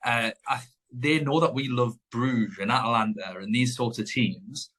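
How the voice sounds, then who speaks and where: A man's voice: fairly low pitch, fairly bright tone. A man co-hosting a podcast, chatting casually and rambling as he corrects himself mid-sentence. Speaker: podcast co-host. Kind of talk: casual chat.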